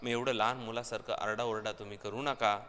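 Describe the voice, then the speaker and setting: A man's voice: lowish voice, steady tone, brisk, sharp tone, clean tone, long reverb tail. A man reading the lines of a wife who scolds her husband, in a reproachful tone. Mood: scolding. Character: scolding wife, middle-aged woman, nagging.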